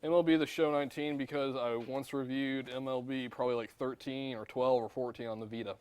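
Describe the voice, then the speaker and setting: A man's voice: medium pitch, steady tone, a little fast, a little mellow, smooth. A young man co-hosting a casual chat, joking and teasing. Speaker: co-host.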